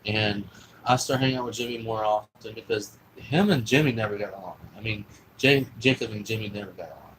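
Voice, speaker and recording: A man's voice: on the low side, brisk, a bit bright, a little hiss or hum, rough recording. A young man telling a long personal story in a rambling, profane, casual way. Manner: rambling, profane, full of fillers and restarts.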